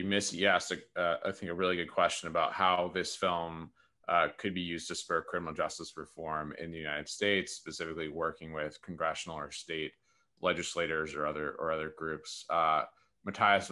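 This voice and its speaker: Deep-voiced, articulate interviewer. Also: male voice, sharp tone. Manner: articulate, framing long questions. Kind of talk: video call interview. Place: home room. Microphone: video call webcam.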